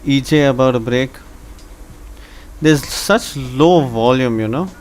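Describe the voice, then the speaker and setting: A man from India casually commenting on a live stream, chatting to his viewers in a relaxed way. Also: mid-range voice, slow, a little hiss or hum. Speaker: live trading stream host.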